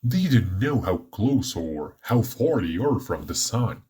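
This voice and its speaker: Putting on a full character voice, a man with a lowish, slightly rough voice plays a cheerful, talkative robot satellite that sounds robotic and sparkling. He explains with lively, theatrical, stretched-out delivery as soft music plays beneath.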